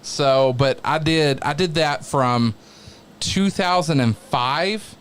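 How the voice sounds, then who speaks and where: A man who works as a wrestling announcer, chatting casually as an interview guest in a halting, reflective way. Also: fairly high pitch, clear, resonant tone.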